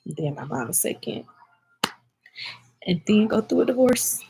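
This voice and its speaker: A woman's voice: medium pitch, big pitch swings, a little slow, gravelly, warm tone, soft background music, low-quality recording. A woman, talking heartfelt and teary-eyed to her viewers in a casual vlog chat. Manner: heartfelt, speaks directly to viewers as y'all. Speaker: vlogger answering viewer comments.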